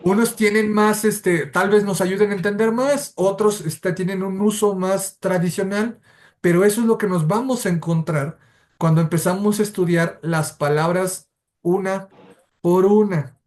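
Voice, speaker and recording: A high-voiced, slightly mellow man with a Mexican Spanish accent leads a church Bible study. His explanations unfold carefully one step at a time, and he often pauses to fix what he's just said.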